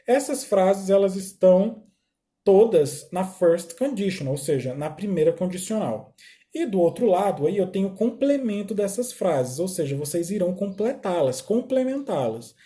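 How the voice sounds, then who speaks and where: A Brazilian man teaching a recorded English lesson, explaining slowly, repeating phrases and checking understanding with short "tá?" tags. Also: sits high, big pitch swings, mellow.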